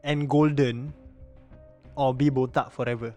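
A man's voice: mid-range voice, steady tone, measured pace, warm tone, dull audio, faint music behind. A young man with a Singaporean accent in casual, bantering chat, speaking colloquial Singlish with Malay slang.

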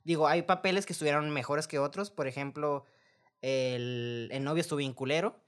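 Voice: medium pitch, moderate pace. A speaker with a Mexican accent co-hosts a casual film review chat. They talk enthusiastically, with heavy slang and swearing. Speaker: podcast co-host.

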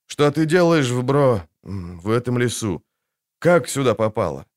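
A gruff, sarcastic monster hunter who loses patience quickly, read by a man in near his own voice. His speech rises and falls expressively, mocking one moment and sharp the next. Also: medium pitch, big pitch swings, natural voice.

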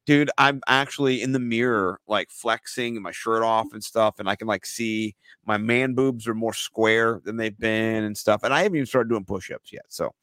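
A man co-hosting a fantasy football podcast in casual chat, laughing often and turning animated when amused. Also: lowish voice, normal speed, hardly any pauses, smooth, no room sound. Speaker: podcast co-host.

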